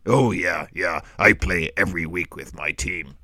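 Guy doing a deep, bright-toned little wolf, super dry and easygoing. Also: a little slow, dry recording, full character voice. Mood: deadpan. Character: laid-back small wolf, male, joke teller.

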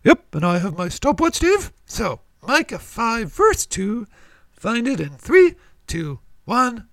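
A man voicing an excitable puppet-like sidekick on a children's show, with a raspy, creaky voice. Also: very high-pitched, slow, dry recording, studio quality, full character voice. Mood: eager.

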